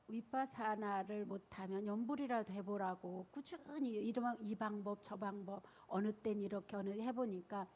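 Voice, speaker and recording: A woman, a Buddhist nun, giving a sermon and telling stories in a lively, animated way. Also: mid-range voice, breathy edge. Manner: lively storytelling, animated and laughing.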